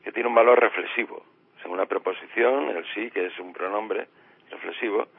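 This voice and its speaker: A man's voice: lowish voice, normal speed, creaky, slightly rough, dry recording. A man explaining grammar patiently on a radio show, using everyday examples. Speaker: language expert guest. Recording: tinny phone line.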